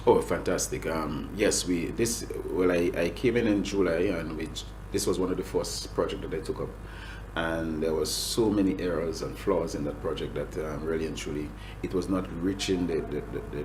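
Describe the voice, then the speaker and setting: This Grenadian man, interviewed as a government agriculture official, has a very low, darkish voice with a steady tone and speaks at normal speed. His answers are full of stops, restarts and "um" fillers, and the poor audio carries a faint hum.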